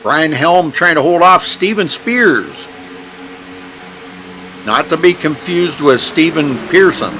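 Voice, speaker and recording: A man's voice: a little high, expressive, slow, pauses often, background noise. A man working as a motorsport commentator, giving casual, chatty live commentary on a race.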